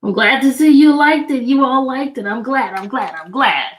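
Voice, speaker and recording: Reading a picture book aloud, a woman teacher with a somewhat high voice stays expressive and deliberate. She addresses young listeners directly, prompting them with questions.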